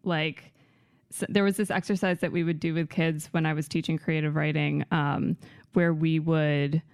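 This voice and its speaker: A woman's voice: low voice, level tone, moderate pace, clear, resonant tone, no echo, studio quality. A young adult woman hosting a casual interview podcast, enthusiastic and full of "like" and "um". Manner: warm, enthusiastic, uses many fillers like "like" and "um". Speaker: podcast host.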